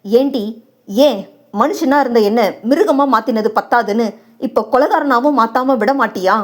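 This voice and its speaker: A woman's voice: moderate pace, close to an everyday voice. A woman voicing an enraged young man who hisses threats in an audio novel. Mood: menacing. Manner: low, hissing, menacing.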